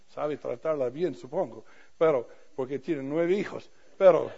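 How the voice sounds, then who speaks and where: An older man, a pastor, preaching a sermon with humorous personal stories, swinging between quiet asides and loud emphatic passages. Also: a little high. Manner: storytelling with self-deprecating humor, swinging from soft to loud. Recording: dull lo-fi recording.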